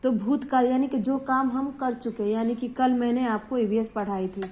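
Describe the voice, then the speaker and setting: A woman school teacher, giving a patient Hindi grammar lesson to children. She repeats words slowly and mixes in English terms. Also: on the high side, steady tone, darkish tone.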